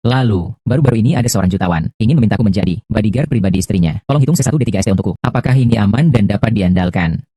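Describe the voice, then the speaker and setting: A man reading all the dialogue of a dubbed drama, voicing every character in one steady, quick delivery. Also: lowish voice, no echo, studio quality. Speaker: voice-over reader of a dubbed drama. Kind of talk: fast scripted dialogue dub read in one voice.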